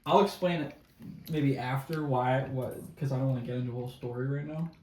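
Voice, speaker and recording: A woman's voice: a bass voice, brisk, mellow. A woman talking casually as a contestant in an eating challenge, while eating jelly beans. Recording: echoey, slightly distant, faint noise.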